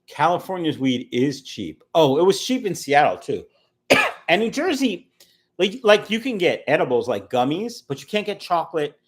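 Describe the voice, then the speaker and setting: A man in his early fifties hosts a fishkeeping livestream, reading chat and answering viewer comments in a rambling, talkative, casual way. His husky voice runs on the high side with a sing-song lilt at normal speed.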